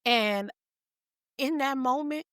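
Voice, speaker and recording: High-voiced emotional woman podcast host. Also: takes it slowly, fairly bright tone, clean tone, no echo, studio quality. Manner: emotional, affectionate, folksy. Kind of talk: heartfelt casual chat.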